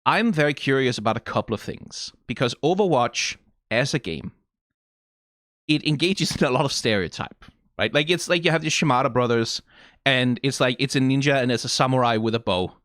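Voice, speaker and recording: A young man from Funen, Denmark, reacts to a game trailer on YouTube, speaking to the camera in a Danish accent with casual, wry, playful commentary and swearing for emphasis. His mid-range voice is a bit bright and a little fast, captured in a dry, studio-quality recording.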